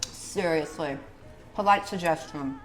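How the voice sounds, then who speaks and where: A woman's voice: deep voice, unhurried, faint music behind. A woman guest tasting food in a casual chat, easygoing and wry. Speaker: guest taster.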